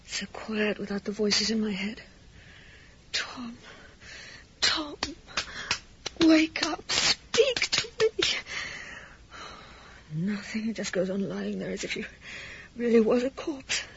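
A frightened woman pleading in a slow whisper, lo-fi and noisy. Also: medium pitch, expressive, creaky. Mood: desperate. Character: frightened woman pleading over unconscious man.

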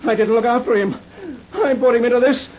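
A man's voice: medium pitch, sing-song, normal speed. An actor playing a slangy, emphatic army captain who looks after his comrade in a radio war drama. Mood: anguished. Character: army captain, gruff but fatherly, anxious comrade. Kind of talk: old-time radio war drama acting. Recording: muffled vintage radio recording, faint noise.

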